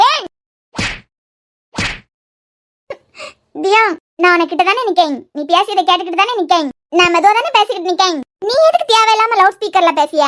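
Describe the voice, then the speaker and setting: Feuding young women from a cartoon serial, voiced by a woman with a Kanyakumari Tamil accent. The voice is very high and bright, with a sharp, forceful edge. The talk is rapid, and the arguing is heated and reproachful. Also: slight background noise. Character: quarrelsome young women in a family feud. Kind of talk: cartoon dialogue acting.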